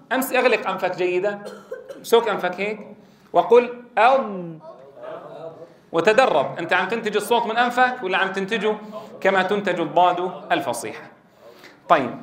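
A man's voice: sits high, fairly bright tone, reverberant. A middle-aged man teaching a classroom lesson, explaining and quizzing his students and drilling sounds aloud. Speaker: Quran recitation teacher.

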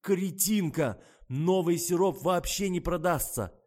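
A man reading an audiobook, voicing a pushy young ad man who rants and panics loudly. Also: medium pitch, steady tone, moderate pace, natural voice. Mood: panicked. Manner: loud, ranting.

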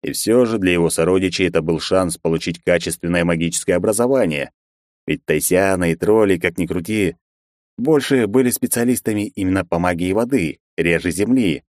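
Low-voiced guy narrating an audiobook, dry close mic. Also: fairly quick, darkish tone, no echo. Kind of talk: scripted narration.

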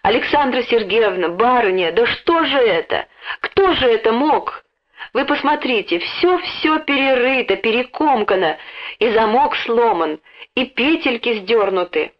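A woman's voice: a little high, lively intonation, a little slow. A woman voicing a crying young housemaid in a storybook, lamenting through sobs. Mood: weeping. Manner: lamenting, sobbing. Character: weeping young housemaid, plain-spoken. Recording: dull lo-fi recording.

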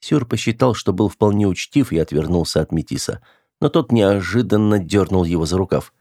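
Man, audiobook narration, steady matter-of-fact reading, low voice, dry close sound. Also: fairly quick, no room sound.

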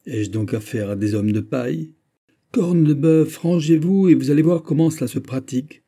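Brief: a man doing a blustering giant musketeer for an audiobook, dark husky tone, big commanding voice. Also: moderate pace. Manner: booming, commanding. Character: hulking loud blustering male giant musketeer.

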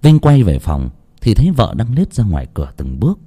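A man narrating a ghost story in a dramatic, expressive storytelling voice. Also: brisk, husky. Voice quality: expressive, varied in pitch. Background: faint music.

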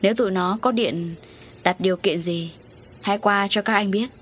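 A woman's voice: medium pitch, normal speed, slight background noise, close to an everyday voice. A woman voicing a middle-aged male landowner who hedges and then snaps in a storybook reading. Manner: hesitant, then snapping. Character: middle-aged man, a landowner, evasive and hot-tempered.

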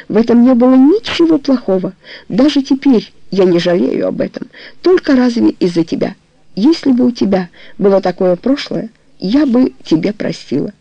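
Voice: mid-range voice, creaky, dark tone, dry recording. A reader voicing a young woman who pleads with her lover and confesses her past in a trembling voice. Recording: dull lo-fi recording.

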